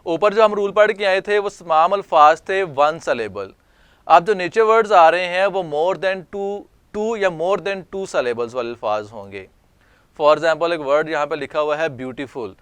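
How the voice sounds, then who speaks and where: Slow, smooth-voiced male grammar teacher. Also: fairly high pitch, animated, a bit bright, no echo. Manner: slow, spells out word forms one by one. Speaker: English teacher. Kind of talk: recorded grammar lesson.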